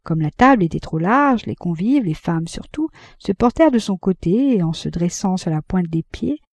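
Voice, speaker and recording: A woman reading a classic novel aloud as an audiobook narrator, measured and even. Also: fairly low pitch, dry recording. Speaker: audiobook reader.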